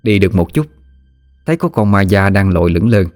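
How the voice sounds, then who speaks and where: A man with a Southern Vietnamese accent narrating a folk ghost story in a lively, vivid manner. His voice is low-pitched, with faint music beneath. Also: fairly quick.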